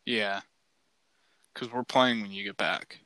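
A man with a bright, crisp voice chatting as a podcast co-host. He rambles easily and leans on "like" as filler. The sound is dry and close. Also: fairly low pitch, slow pace, dry recording, low-quality recording. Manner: relaxed, rambling, heavy use of "like". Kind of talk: casual chat.

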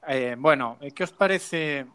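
A man hosting a casual online chat, chatty and quick to laugh, talking over a video call. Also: on the high side, fairly bright tone, clear, resonant tone. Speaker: host.

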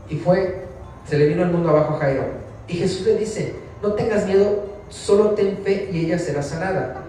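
A man's voice: high-pitched, darkish tone, far from the mic, slight background noise. A man with a Mexican accent preaching an informal sermon in a church, chatty and asking the congregation questions. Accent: Mexican Spanish. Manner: conversational, asks the congregation questions. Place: church hall. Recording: very echoey hall, voice from afar.

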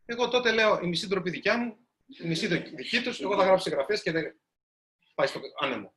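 A man's voice: high-pitched, expressive, fairly bright tone. A man, a writer, giving a storytelling talk to a live audience and addressing them directly.

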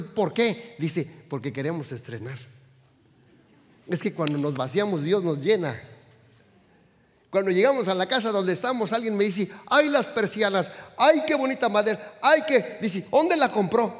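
Older man preaching in an echoing hall. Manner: animated preaching, shifting from loud calls to low asides. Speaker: pastor. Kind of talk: sermon. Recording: long hall reverb.

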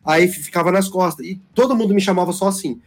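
A man with a strong rural Brazilian R, telling a story as a podcast guest in a chatty, animated way and acting out the quoted lines. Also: high-pitched, fast. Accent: Brazilian countryside, strong rolled R. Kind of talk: casual chat.

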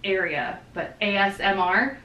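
A woman's voice: medium pitch, measured pace, sharp tone, highs cut off, a little hiss or hum. Woman podcast co-host, casual and chatty, recorded a bit off-mic in an echoey room. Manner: chatty, laughs easily, many fillers. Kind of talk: casual explanatory chat. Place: living room with dog present. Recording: roomy echo, distant mic, faint background.

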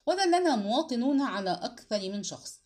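A woman reads a crime story aloud as dramatic audiobook narration. Her pitch moves widely and expressively across each sentence, giving the tale a lively, storytelling shape. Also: brisk.

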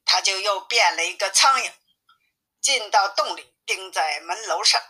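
A woman narrating a classic adventure tale as an audiobook, in a clear, lively storytelling manner. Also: mid-range voice, unhurried, poor audio.

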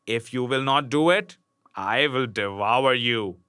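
Man playing a slow, scheming storybook wolf. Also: medium pitch, bright, forceful tone, clean tone, no room sound, clean studio sound. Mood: threatening. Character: scheming, menacing villainous wolf.

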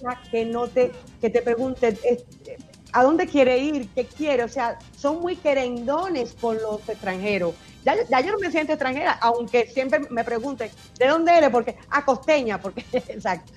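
A talkative woman with an eastern Cuban accent, her voice sitting a little high for a woman. She chats expressively through a radio interview and breaks into laughter often. Soft music plays faintly behind her. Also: lively intonation, a little slow. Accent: eastern Cuban Spanish. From eastern Cuba. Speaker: singer, interview guest. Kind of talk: casual radio interview chat.

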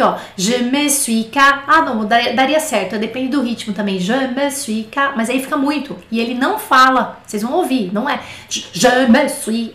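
A woman with a high, bright-pitched voice gives an online French class in a chatty, explaining manner. She slows down to sing little children's songs line by line. The sound bounces around an echoey room. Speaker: French teacher.

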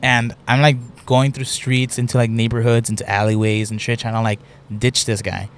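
A man's voice: mid-range voice, level tone, moderate pace. A young man hosting a podcast, casually telling a long story, swearing a lot and filling his talk with "like". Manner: rambling, swears often, many "like" fillers. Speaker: podcast host.

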